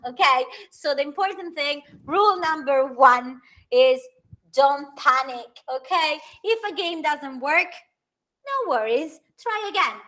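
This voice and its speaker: Female trainer for an informal teacher-training talk, bright high voice, reassuring, lays out simple rules. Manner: reassuring, instructive, short repeated rules. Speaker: trainer of children's language teachers.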